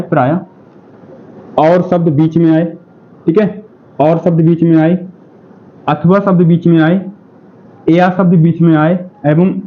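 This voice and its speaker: Male exam-prep tutor, high voice, drilling by call and answer, dull lo-fi recording. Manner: repeats questions and answers them himself, says "ठीक है" often. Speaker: exam-prep Hindi teacher. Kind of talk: classroom-style lesson. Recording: dull lo-fi sound.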